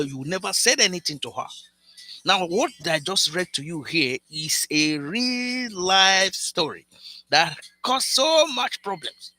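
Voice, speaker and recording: A male vlogger gives relationship advice, telling a cautionary love story straight to camera in an earnest, lecturing manner, frequently restarting and repeating words. His voice sits high with a bright, forceful tone and no room sound.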